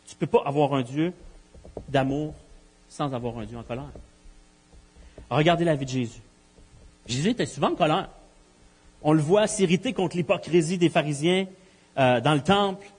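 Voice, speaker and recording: A man's voice: fairly high pitch, a little mellow, breathy edge. A man preaching a sermon, emphatic, with rhetorical questions and repeated key phrases. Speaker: pastor. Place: church. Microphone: live-streamed church recording.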